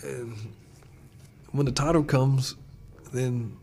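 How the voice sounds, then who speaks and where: A man who is a pastor, telling stories in a casual chat and getting animated when he retells dialogue. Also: mid-range voice, slow pace, gravelly. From United States. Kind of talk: casual conversation, storytelling.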